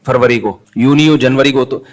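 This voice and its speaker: A middle-aged man preaching a religious sermon. He chants Quranic verses slowly and talks casually, asking the audience rhetorical questions. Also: medium pitch. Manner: recites Quranic Arabic slowly, then speaks conversationally with rhetorical questions.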